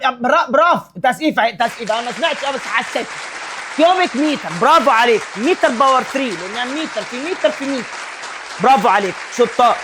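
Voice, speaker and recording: A man with an Egyptian Arabic accent teaching a lively physics lesson, quizzing and teasing his students and mixing English terms into his speech. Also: high-pitched.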